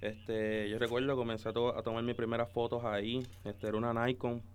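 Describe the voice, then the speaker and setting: Appearing as a podcast guest, a twentysomething man with a Caribbean Spanish accent shares his story casually; he works as a photographer and videographer and comes from the Dominican Republic and Puerto Rico. His medium-pitched voice is smooth and flat, and he speaks a little fast.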